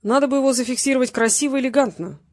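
A rough cop who cracks dry jokes with a teasing edge, as a woman narrator puts him on. The voice is husky and slightly breathy, lifted a little above her plain reading voice. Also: medium pitch, very animated, moderate pace, darkish tone. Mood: wry. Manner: wry, teasing. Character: joking, rough male cop sidekick.

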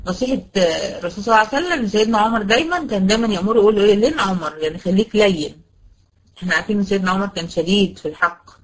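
A woman's voice: mid-range voice, lively intonation, rapid-fire, low-quality recording. A woman with an Egyptian accent teaching a tajweed lesson, patiently quizzing her students with questions and correcting their answers. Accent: Egyptian Arabic. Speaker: Quran recitation teacher.

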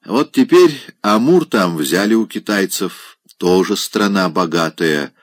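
A man's voice: low-pitched, lively intonation, measured pace, dry recording, studio quality. A man doing a self-satisfied, talkative landowner. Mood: holding forth. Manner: holding forth, self-satisfied. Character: talkative, opinionated landowner, well-fed man.

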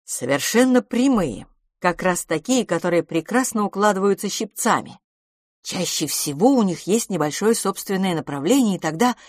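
A woman voicing a confident, practical female stylist who talks in a brisk, matter-of-fact, decisive way. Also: medium pitch, animated, no room sound, clean studio sound, close to an everyday voice. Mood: businesslike.

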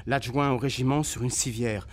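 A man giving an expressive, dramatic reading of a war memoir for radio, voicing the sounds of shells and cries. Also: mid-range voice, normal speed. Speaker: reader on a radio documentary.

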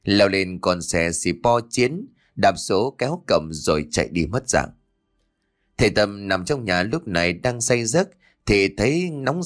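A man narrating a ghost story in a steady storytelling manner. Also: lowish voice. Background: faint music.

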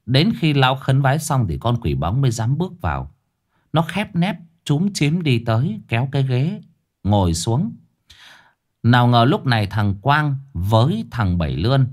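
A man narrating a ghost story in an expressive, scripted storytelling style. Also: mid-range voice.

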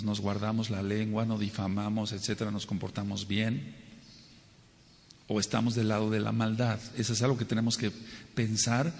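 A man teaching a Torah sermon, asking rhetorical questions and repeating phrases for stress. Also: fairly low pitch. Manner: acts out quoted people with a raised voice. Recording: long hall reverb.

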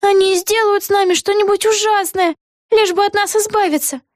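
A woman voicing an eager, brave young witch girl in an audiobook, with a high, lively and urgent delivery. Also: moderate pace, dry recording, clean studio sound. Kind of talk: audiobook character voice.

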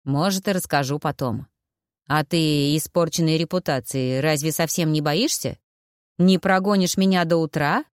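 A woman's voice: sits low, moderate pace, no echo, clean studio sound, lightly acted. Woman voicing a teasing male jester. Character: playful male court jester, teasing and sly.

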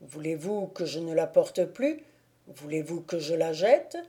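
A woman voicing a tormented young man who pleads in a low, heavy voice, in an audiobook. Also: lively intonation, a little slow, warm tone. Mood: troubled. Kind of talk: audiobook character reading.

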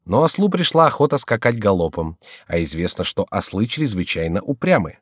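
A man narrating an audiobook in an expressive, scripted reading. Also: fairly low pitch, brisk, breathy edge, dry recording, clean studio sound.

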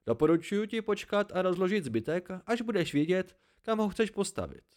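A man voicing a wise, dryly scornful old hermit in an amateur audiobook reading, slow and emphatic. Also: high-pitched, big pitch swings, a little mellow, pitched above the performer's own voice. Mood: lecturing.

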